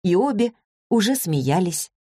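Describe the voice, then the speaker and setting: A woman reading a novel aloud as narrator, telling it in an even, steady way. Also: mid-range voice, unhurried, breathy edge, no echo, clean studio sound. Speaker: audiobook narrator. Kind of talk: scripted narration.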